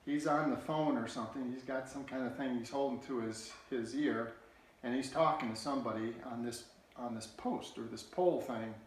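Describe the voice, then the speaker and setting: Earnest man telling a story in an echoey room. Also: mid-range voice. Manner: halting and earnest, many restarts. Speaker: political candidate. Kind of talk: personal storytelling.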